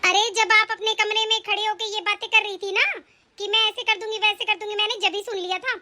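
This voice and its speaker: A woman voicing a loyal, kind young daughter-in-law from a poor family in an animated story. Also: very high-pitched, fast talker, exaggerated voice. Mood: calm. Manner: calm, earnest, firm.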